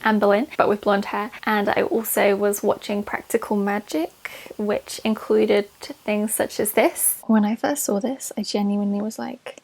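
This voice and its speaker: A woman's voice: mid-range voice, little pitch movement, normal speed, creaky, few pauses, darkish tone. A woman in her thirties chatting casually in a giggly, self-teasing way in vlog outtakes. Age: 30s. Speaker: vlogger.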